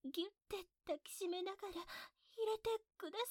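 A woman acting as a shy, submissive female attendant in an adult audio drama. Her voice is extremely high and recorded close and dry. She delivers intimate pillow talk in a halting, pleading, courteous way. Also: lively intonation, no room sound. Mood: hesitant, pleading.

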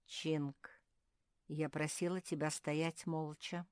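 A woman voicing a calm, patient, wise female owl in a storybook reading. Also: sits low, dry recording, clean studio sound. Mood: weary. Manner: calm, measured, sighing.

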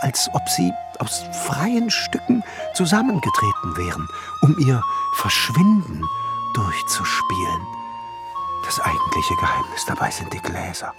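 In a German radio play, an actor voices a glassmaker who gazes at a painting in rapt, reverent awe. His medium-pitched male delivery is halting and theatrical, frequently sinking almost to a whisper. Loud music plays behind him.

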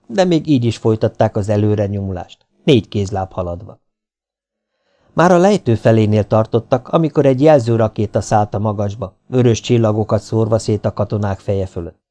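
Guy reading an audiobook, lowish dark voice, steady and measured. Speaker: audiobook narrator. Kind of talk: scripted audiobook narration.

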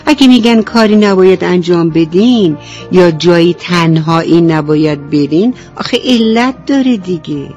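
A woman's voice: lowish voice, a little mellow. A woman radio storyteller narrating a bedtime story for children, speaking affectionately and addressing the young listeners directly. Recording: dull lo-fi radio recording with faint music.

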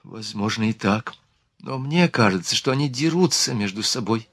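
A man voicing a frightened young woman who speaks in a hushed, anxious way, in an audiobook. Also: medium pitch, normal speed, no echo.

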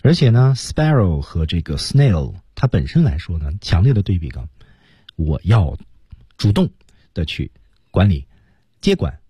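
A male teacher explains song lyrics patiently in a radio studio. His voice is very low and husky, with a dark tone and a lively, rising-and-falling delivery. The sound is dry. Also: a little slow, long pauses, no echo. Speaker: English teacher.

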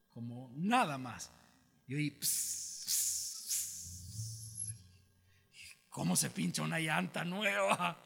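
A man, a pastor preaching a sermon through an animated, humorous personal story, acting out what people said. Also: fairly high pitch. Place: large church auditorium. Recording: long hall reverb from auditorium.

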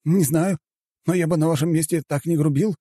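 A man's voice: fairly high pitch, fairly even intonation, fairly quick, warm tone, husky, no room sound, studio quality, pitched above the performer's own voice. A man voicing a timid, frightened male aide who speaks nervously. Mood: anxious. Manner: nervous, stammering. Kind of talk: audiobook character voice.

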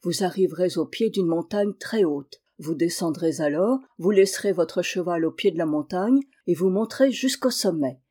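Woman voicing a wise old bearded helper, gentle advice, dark mellow tone. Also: lowish voice, lively intonation, normal speed, hardly any pauses. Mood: kindly.

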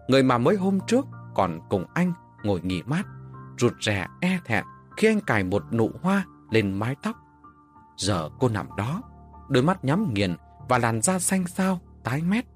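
Expressive male storyteller. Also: mid-range voice. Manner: expressive, rises sharply in tense moments. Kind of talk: dramatic ghost story narration.

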